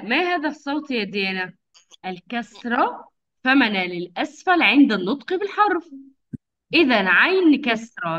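A woman teaching young children over a video call, with patient, drawn-out enunciation and frequent praise. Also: high-pitched, fairly bright tone. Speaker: kindergarten teacher. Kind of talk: online phonics lesson for young children. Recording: dull lo-fi video call audio.

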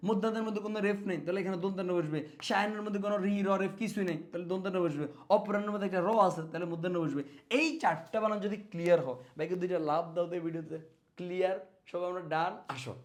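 An energetic male teacher with a Bangladeshi Bengali accent, talking quickly and in a high voice. He drills spellings by repeating them and keeps asking questions that he answers himself. He is recorded on a close mic. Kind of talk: spelling lesson for exam students.

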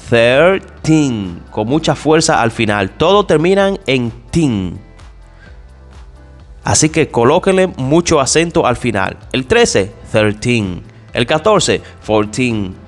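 A male English teacher with a lively, rising and falling voice, talking directly to his listeners. He asks questions and answers them himself, and says each example word lower and softer. Faint music plays under him. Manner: addresses listeners directly and informally. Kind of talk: spoken language lesson.

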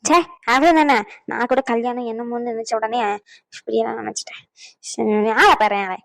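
A woman's voice: fairly high pitch, steady tone, a little fast, gravelly, dry recording. A woman voicing a fussy, meddling but kind elderly grandmother in a cartoon, nagging and chatty. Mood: grumbling. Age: older. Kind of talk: cartoon voice acting.

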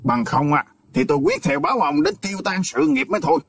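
A man's voice: a little high, wildly swooping pitch, creaky, a bit bright, dry recording, voice pushed up, heavily acted. A man voicing a cold, vengeful son who talks curtly and resentfully. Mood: bitter. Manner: curt, rapid, resentful.

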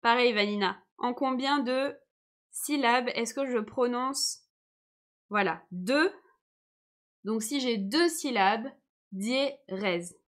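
A woman's voice: fairly high pitch, slow, long pauses, fairly bright tone. A young woman teacher giving a live online lesson, explaining patiently and often checking that her viewers follow.

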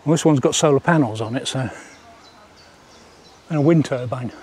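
An older man walks through village ruins and an old schoolroom with a handheld camera, giving casual commentary and reading aloud as a vlogger at a historic site. His voice is medium-pitched and darkish, at a moderate pace. Background noise is clearly audible in the handheld outdoor recording.

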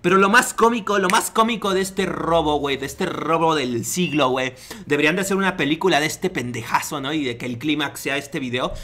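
Young man, Mexican accent, high pitch, sharp tone, crude mocking commentary. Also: brisk. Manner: crude, slangy and mocking, frequently laughing. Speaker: online commentator.

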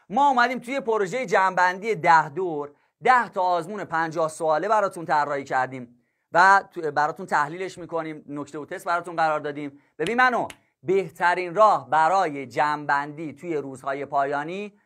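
A man's voice: fairly high pitch, a bit bright. A male math teacher chatting casually with his students on a livestream, joking and laughing and calling them kids and dear ones. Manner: chatty, jokes and laughs with viewers.

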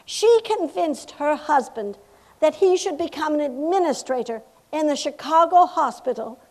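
A woman's voice: sits high, lively intonation. A woman playing a determined 1860s governor's wife. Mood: solemn. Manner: solemn, impassioned period oratory with slow, deliberate emphasis. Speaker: historical reenactor. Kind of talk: first-person historical monologue.

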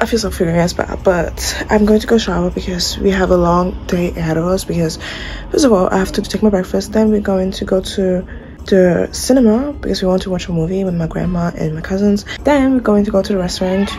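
A woman's voice: medium pitch, a little mellow, slight background noise, rough recording. A young woman chatting casually to her phone camera in a vlog, tired with a groggy morning voice, swearing lightly and poking fun at herself. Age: young adult. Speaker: vlogger. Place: bedroom at home, indoors. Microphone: phone held at arm's length.

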